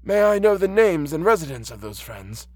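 A man's voice: on the high side, big pitch swings, moderate pace, dry recording, voice pushed up. A man voicing a kindly, blind old exile in an audiobook, with a courteous, formal way of speaking. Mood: kindly, reassuring.

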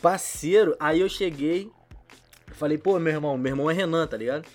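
A man with a Rio accent and a slightly high voice tells a story in loose, casual podcast style. His speech is packed with street slang and tag words, and he slips into quoted dialogue. Music plays softly behind him. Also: a little fast. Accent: Rio de Janeiro. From São Gonçalo, Rio de Janeiro state, Brazil. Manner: Rio street slang, full of filler tags.

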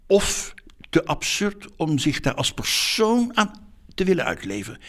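A man giving reflective documentary commentary, pausing to search for words. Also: on the high side, husky.

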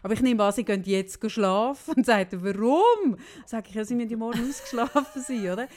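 Woman, Swiss German accent, casual chat, animated storyteller, fairly high voice. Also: quick pace. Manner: lively storyteller, acts out dialogue in anecdotes.

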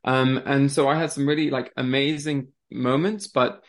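A man's voice: medium pitch, steady tone, moderate pace. A man who grew up in France, a guest on a podcast, talking openly and casually with lots of fillers. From born in Switzerland, grew up in France. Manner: open and chatty, frequent ums and fillers. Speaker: podcast guest, limiting belief coach. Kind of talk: casual conversational storytelling.

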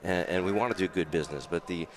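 A man's voice: low-pitched, quick pace. A man with a New York accent from the Bronx, a hotel general manager speaking as a radio guest, telling history with frequent stammered restarts.

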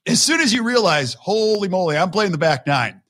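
A man's voice: high-pitched, sing-song, normal speed, fairly bright tone. A man of fifty hosting a podcast interview in a chatty, agreeable way. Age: 50s. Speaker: podcast host.

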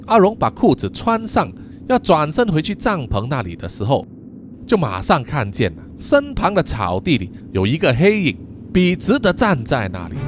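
A man narrating a spooky folk tale, dramatic and drawn out, with long trailing particles at the ends of his sentences. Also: on the high side. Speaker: storyteller. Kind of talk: spoken horror story narration.

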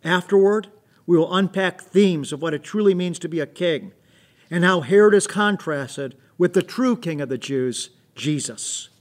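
A man with a notably high voice hosts and introduces the story. He reads his scripted lines in an informative, direct way. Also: moderate pace. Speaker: host.

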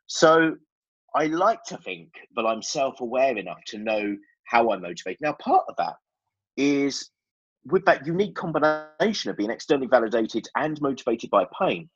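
A man's voice: mid-range voice, very animated, moderate pace, breathy edge, muffled recording. A man with an Essex accent giving candid, explanatory answers as a guest in a conversational interview. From Essex, England. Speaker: podcast guest, business owner.

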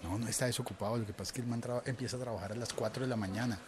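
A man's voice: mid-range voice, fairly even intonation, racing, noisy background. A man hosting a casual podcast, joking and reading listener comments aloud. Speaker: podcast host.

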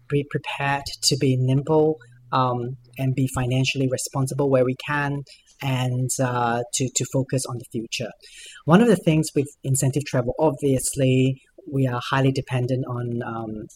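A man gives conversational answers as a podcast guest. His pitch sits in the middle range, and he picks his way through sentences, doubling back on words. There is clear noise behind him. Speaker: podcast guest, business events executive.

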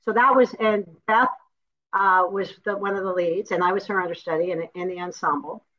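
A woman in her sixties from Wisconsin, a former dancer telling her story as a guest in a chatty, animated way. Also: mid-range voice, fairly quick, muffled recording. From Wisconsin, USA. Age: 60s. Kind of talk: interview storytelling.

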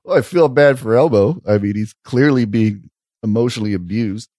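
A man co-hosting a podcast, talking in a thoughtful, wry way with frequent "uh" pauses. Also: medium pitch, warm tone, no echo, clean studio sound. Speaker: podcast co-host reviewing sketch comedy. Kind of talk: casual chat.

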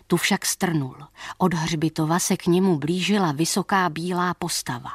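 A woman narrating a folk tale in a lively, expressive way. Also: on the low side, slightly rough, dry recording, studio quality.

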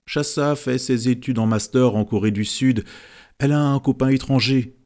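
A man's voice: medium pitch, normal speed, darkish tone, lightly acted. A man voicing a chatty, teasing middle-aged wife and mother in an audiobook. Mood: playful. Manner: chatty, fond.

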